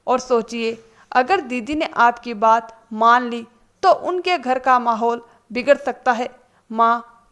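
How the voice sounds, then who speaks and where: A woman's voice: fairly high pitch, a bit bright. A woman voicing a grown son who reasons seriously and persuasively with his mother.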